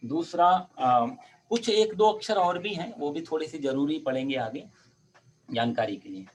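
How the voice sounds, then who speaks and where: A man's voice: fairly high pitch, expressive, slight background noise. A man teaching Sanskrit pronunciation on a video call, patiently drawing out each sound. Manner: patient, explains sounds by drawing them out slowly. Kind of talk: online Sanskrit pronunciation lesson.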